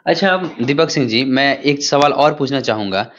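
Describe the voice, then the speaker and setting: A man's voice: medium pitch, moderate pace, fairly bright tone. A male interviewer asking probing, conversational questions. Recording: dull lo-fi sound.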